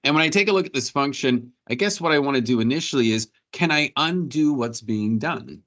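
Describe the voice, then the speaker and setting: A man's voice: medium pitch, animated, a little fast, a bit bright. A male math teacher lecturing a class, questioning students and walking them through each step.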